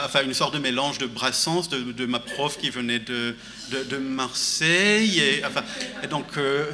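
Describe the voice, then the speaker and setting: This man, a guest on a literary festival panel, sounds bright and forceful in the middle of his range as he thinks aloud, restarting often and leaning on fillers. The hall around him is reverberant.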